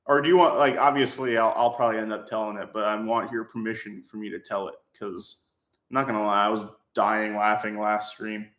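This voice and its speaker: A man's voice: fairly low pitch, little pitch movement, a little fast, a bit bright, slight background noise. Chatty Minnesotan man in echoey workshop. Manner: chatty, jokey, often laughing. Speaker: livestream host. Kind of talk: casual livestream chat while building a prop. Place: home workshop. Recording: echoey room.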